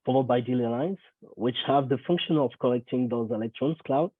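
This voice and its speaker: A young man with a cold giving a halting technical conference talk, full of ums and restarts, heard on a screen recording of a video call. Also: mid-range voice, husky, no echo. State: has a cold. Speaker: conference presenter. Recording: tinny, dry video-call audio.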